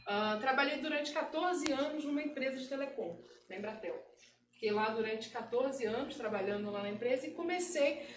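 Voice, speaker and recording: A talkative woman in her forties with a Carioca accent, giving a relaxed tech talk at a meetup. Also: on the high side, noisy background. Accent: Carioca Portuguese. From Rio de Janeiro, Brazil. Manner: chatty, talkative, laughs easily. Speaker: guest speaker. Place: event room at a meetup. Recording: roomy hall from a distant mic.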